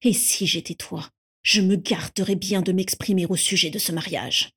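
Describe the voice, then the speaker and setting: A woman voicing a hot-tempered father who bursts into indignant shouts. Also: high voice, lively intonation, moderate pace, slightly rough, full character voice. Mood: furious. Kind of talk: audiobook character reading.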